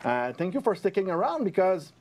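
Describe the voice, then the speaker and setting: A man's voice: high-pitched, sing-song, brisk, noisy background. A man in his thirties, a game developer, chatting casually on a livestream and telling stories with a lot of laughter. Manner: rambling, laughing storyteller.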